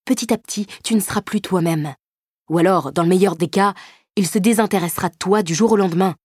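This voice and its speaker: A woman's voice: fairly low pitch, quick pace, a little mellow, husky, dry recording, clean studio sound, voice pushed up. A woman reading an audiobook voices a jealous young boyfriend, cold and cutting, with a sneer. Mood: resentful.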